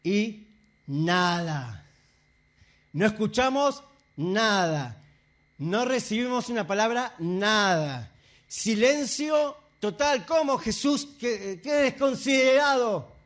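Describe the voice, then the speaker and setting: A male pastor preaches a sermon, his voice sitting very high for a man. He swings from hushed, quiet asides to raised, fervent outbursts. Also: animated, slow.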